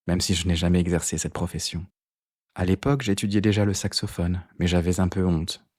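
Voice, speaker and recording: A man reading the part of a determined, grey-haired woman jazz saxophonist in an audiobook, calm and direct. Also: sits low, slightly rough, no echo, clean studio sound. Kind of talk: audiobook character voice.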